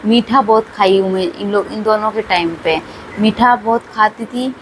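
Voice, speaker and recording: A woman's voice: medium pitch, fairly even intonation, normal speed. A young woman vlogger telling her own story in a casual, chatty way, repeating herself often. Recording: faint background noise.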